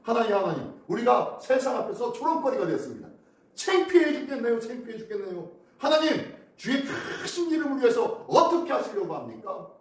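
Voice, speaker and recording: A man's voice: very high voice, sing-song, a little fast, recorded from a distance, voice pushed up. A man voicing a despairing male leader who pleads and exclaims in prayer. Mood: anguished. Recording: echoey hall, mic from afar.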